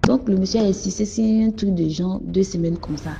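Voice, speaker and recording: A woman's voice: medium pitch, fairly quick, vocal fry, warm tone, slight background noise. A woman with a Cameroonian French accent tells a personal story in a casual, rambling way, often restarting her sentences. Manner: conversational, rambling with restarts and addressing the host. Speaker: caller telling a personal story. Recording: muffled lo-fi audio with music behind. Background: faint background music.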